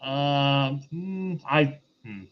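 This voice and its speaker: A man hosts a film review show in a casual chat, speaking in a mid-range voice with lively intonation. His talk is halting and loosely conversational, often backtracking, and the recording has its highs cut off.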